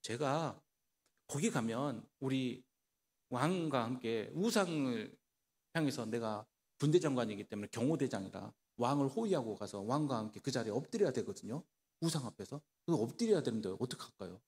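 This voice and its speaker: A man voicing a humble male army commander who hesitantly and slowly begs for leniency. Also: mid-range voice, animated, darkish tone, natural voice. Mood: pleading.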